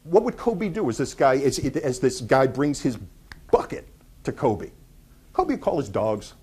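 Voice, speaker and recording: Guy lecturing econ, swoopy lively pitch, bit husky, cracks jokes at the students. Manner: joking, teasing students, asks rapid questions. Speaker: economics professor. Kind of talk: university lecture.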